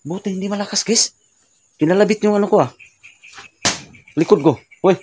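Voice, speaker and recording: A man's voice: sits high, fairly quick, darkish tone, a little hiss or hum. A man vlogging a paranormal investigation in a remote hut, reacting with startled exclamations and speaking directly to an unseen spirit. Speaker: ghost-hunting vlogger.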